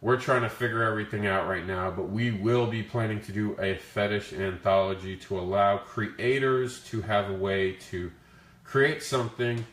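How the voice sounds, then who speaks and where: A man with a rough, growly voice from the flu, talking casually as he hosts a question-and-answer stream about his creative work. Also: on the low side, steady tone, normal speed, a bit bright. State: sick with the flu. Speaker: comic creator hosting a Q&A. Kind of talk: casual livestream Q&A talk. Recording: echoey, roomy sound.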